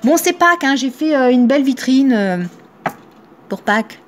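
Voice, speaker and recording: A woman's voice: sits high, expressive, moderate pace, a little hiss or hum. Chatty teasing woman in her thirties. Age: 30s. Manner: chatty, teasing, acts out quoted voices. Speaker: shop owner. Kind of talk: casual monologue to camera.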